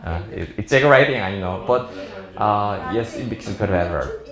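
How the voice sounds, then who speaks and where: A Korean-accented man in his 40s, a native Korean speaker from South Korea, presents informally at a medical seminar as a plastic surgeon. Fairly low in pitch, he speaks halting, jovial English with lots of chuckles. The indoor seminar room is echoey, and a crowd sounds in the background.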